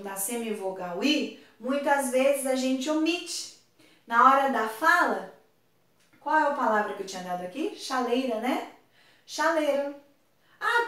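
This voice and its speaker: A woman from Brazil teaching an online class, speaking slowly and patiently and drawing words out for her pupils. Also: fairly high pitch, fairly bright tone. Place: home room on a video call. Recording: very echoey room, far from mic.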